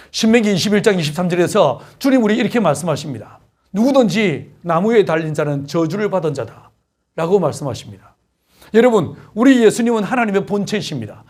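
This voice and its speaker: A male pastor preaching a sermon in a church worship hall, animated and full of rhetorical questions. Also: very high-pitched.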